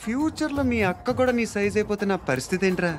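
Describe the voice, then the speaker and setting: A cocky young hero with a lively, fast, teasing delivery that turns into cool taunts. Loud film score under every line. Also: male voice, sits high. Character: cocky, sharp-tongued young male hero. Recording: film soundtrack with loud music.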